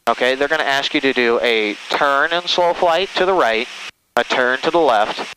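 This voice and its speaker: In the noisy cockpit of a small airplane in flight, with engine drone and radio behind him, a flight instructor coaches a student step by step through an aviation headset. He's reassuring and checks that the student is following with brief tag questions. He speaks at a normal speed with a medium pitch and a pushed, bright tone.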